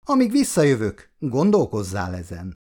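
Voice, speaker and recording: Man doing a young man, defensive, evasive, self-justifying, lively voice, storybook. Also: mid-range voice.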